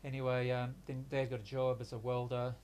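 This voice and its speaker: In a reflective interview about his life, a halting man in his 60s pauses and restarts frequently, speaking in a flat, even, mid-range voice. He comes from Hungary, grew up in Australia, and Hungarian is his first language. Slight background noise can be heard.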